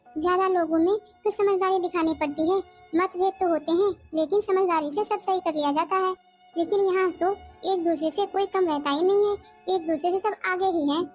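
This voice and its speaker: A woman voicing a gentle, peacemaking younger daughter-in-law in a cartoon, soft-spoken and thoughtful. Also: very high-pitched. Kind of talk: cartoon voice acting.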